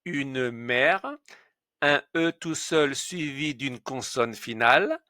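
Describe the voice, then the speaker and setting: Slow, deliberate man teaching pronunciation. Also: mid-range voice, pushed and bright, no echo, clean studio sound. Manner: spells letters and says example words slowly and clearly.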